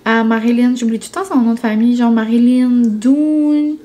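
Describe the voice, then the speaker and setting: A woman's voice: a little high, steady tone, fast talker, a little mellow. A young woman with a Québécois French accent chatting casually in a vlog, full of fillers like "genre" and "comme". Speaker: vlogger.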